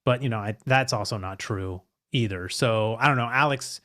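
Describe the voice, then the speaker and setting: A man's voice: medium pitch, moderate pace, sharp tone. Joking man leading a podcast chat. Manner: chatty, joking, leads the discussion. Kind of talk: casual panel chat.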